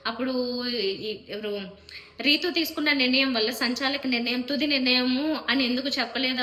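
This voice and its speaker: A woman's voice: high voice, bright, forceful tone, roomy sound. A woman reviewing a reality show in an opinionated monologue, firing off indignant rhetorical questions one after another.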